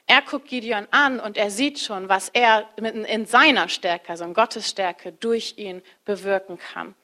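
A woman's voice: medium pitch, measured pace, pushed and bright. Woman preacher, young adult, casual sermon delivery with direct address. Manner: conversational, direct address with fillers and rhetorical questions.

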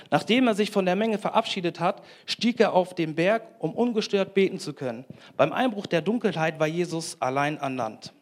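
A man preaching a sermon to a congregation, energetic and emphatic, putting direct questions to the listeners. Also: a little high. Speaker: lay preacher. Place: church hall with congregation.

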